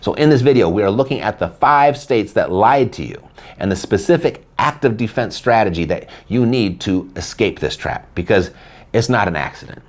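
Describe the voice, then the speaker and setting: A man's voice: fairly low pitch, lively intonation, moderate pace. A man hosting a scripted video essay, narrating in a sardonic, dramatic and emphatic manner. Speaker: host.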